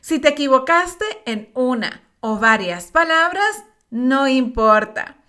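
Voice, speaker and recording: Bright high-voiced woman teaching pronunciation. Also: big pitch swings. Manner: repeats each word slowly and carefully, encouraging. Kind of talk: slow, clear pronunciation drill for learners.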